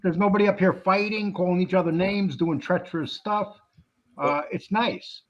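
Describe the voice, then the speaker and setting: Muffled, lo-fi audio carries a husky male voice, pitched a bit above average. He speaks casually, like a guest who has dropped into a livestream to chat. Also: steady tone, moderate pace. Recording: dull, lo-fi call audio.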